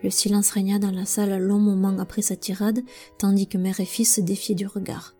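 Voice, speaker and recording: A woman narrating a novel as an audiobook in an expressive, measured way. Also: mid-range voice, soft background music. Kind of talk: scripted narration.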